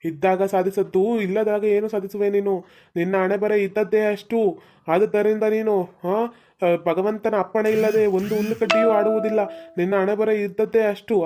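A performer voicing a stern old male exorcist in a cartoon, speaking in slow formal commands. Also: mid-range voice, level tone, mellow, close to an everyday voice. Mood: commanding.

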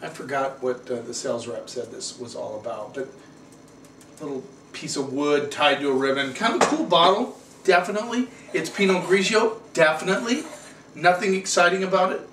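Sharp-toned and fairly high-pitched, this middle-aged American wine reviewer speaks at a moderate pace as he hosts his show. He's casual and talks straight to camera with rambling tangents, recorded in a small indoor room on a distant mic that sounds roomy and slightly noisy.

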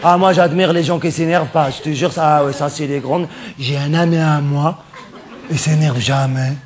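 A male comedian on stage playing a flamboyant, cross-dressing cabaret dancer in a stand-up character monologue, camp and theatrical, quick to snap at the audience. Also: on the high side, fairly even intonation, a crowd in the background, lightly acted. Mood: camp chatty.

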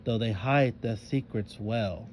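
A mysterious ghostly old man, put on by a male storyteller, speaks in solemn, archaic phrases. His voice stays mellow and unhurried, heavy with regret. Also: on the low side, a little hiss or hum.

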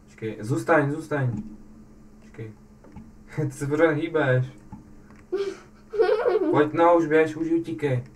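A man hosting a casual gaming session, coaching a guest with urgent, rapidly repeated commands. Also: fairly high pitch, a little hiss or hum. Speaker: host guiding a guest through a game.

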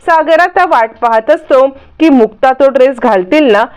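A woman retells a TV serial episode in a lively, dramatic storytelling voice. Her pitch sits high and her tone is smooth and clear. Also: normal speed. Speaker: narrator.

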